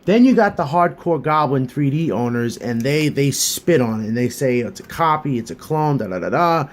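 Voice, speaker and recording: A man's voice: mid-range voice, animated, normal speed. A man giving a casual hobby review, chatty and earnest, rambling with many fillers and restarts.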